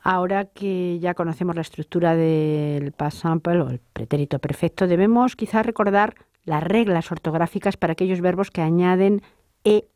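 A woman's voice: fairly low pitch, normal speed, dark tone, no room sound, clean studio sound. A woman hosting a language lesson, posing questions and summing up each point. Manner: poses questions and sums up. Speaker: host. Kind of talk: scripted lesson moderation.

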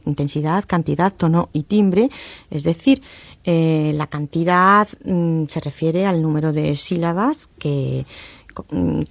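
Measured woman lecturer, low voice. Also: darkish tone, no room sound. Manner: measured, explanatory, with frequent "eh" and tag questions. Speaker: university lecturer. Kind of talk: recorded lecture on literary text analysis.

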